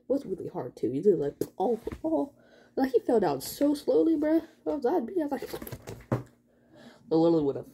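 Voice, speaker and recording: A young woman vlogger giving a rambling, excitable, slang-filled casual recap of a wrestling event. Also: low-pitched, husky.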